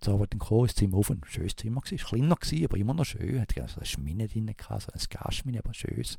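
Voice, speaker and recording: A man with a Swiss German accent telling a rambling anecdote in a casual way, halting often with fillers and restarts and imitating thumping sounds. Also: lowish voice, expressive, vocal fry, warm tone, husky, no echo, studio quality. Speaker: storyteller.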